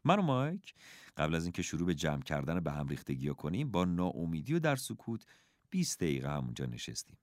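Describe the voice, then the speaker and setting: A man reading a first-person story aloud, expressive and measured. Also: deep voice, no room sound, clean studio sound. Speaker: audiobook narrator.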